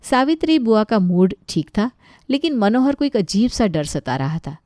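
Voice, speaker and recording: A woman narrating an animated moral story in an even, scripted storytelling delivery. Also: medium pitch, moderate pace, no echo, clean studio sound.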